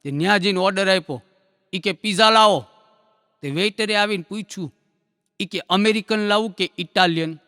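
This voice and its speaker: Man, very high pitch, stand-up joke telling, quick acted-out dialogue. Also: sharp tone, no room sound, studio quality, big-room sound. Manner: folksy storytelling, acting out characters in quick dialogue. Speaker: stand-up comedian. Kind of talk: Gujarati joke telling, stage storytelling.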